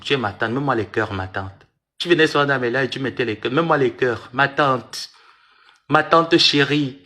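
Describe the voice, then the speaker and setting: A man talks into his livestream, swinging between a heated rant and mocking, sing-song pleading. His voice sits at an ordinary middle pitch, and he repeats his jabs again and again. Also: sharp tone. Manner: mocking, taunting, repetitive pleading. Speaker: live-stream host.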